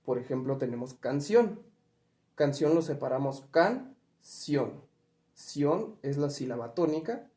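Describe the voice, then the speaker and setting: With a fairly high, warm voice, a man patiently walks through spelling rules one step at a time, posing questions and working through examples. The recording has a roomy echo.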